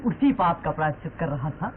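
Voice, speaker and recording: A man's voice: fairly high pitch, very animated, brisk, narrow, tinny audio. A man playing an idealistic young poet-priest, speaking with impassioned, declamatory force in a 1930s film melodrama. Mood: defiant. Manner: impassioned, declamatory, rising to cries. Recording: scratchy 1930s film soundtrack, hissy.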